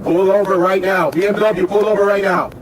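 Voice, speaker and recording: A male police trooper barking repeated orders through a patrol car loudspeaker with a siren wailing. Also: high voice, steady tone, a little fast, a loud crowd. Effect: loudspeaker commands over a wailing siren. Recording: distant dashcam audio with loud road noise.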